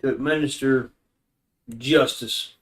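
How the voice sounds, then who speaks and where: Man acting a formal, halting lord at court. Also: medium pitch, steady tone, lightly acted. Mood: stern, uneasy. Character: grave, uneasy lord reading charges at court.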